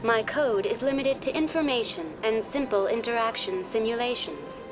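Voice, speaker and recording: A woman voicing a courteous virtual intelligence guide in a science fiction game, formal, measured and impersonal. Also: on the high side, expressive, over music, natural voice. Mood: polite, composed. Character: courteous female virtual intelligence tour guide on a space station. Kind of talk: scripted informational game dialogue.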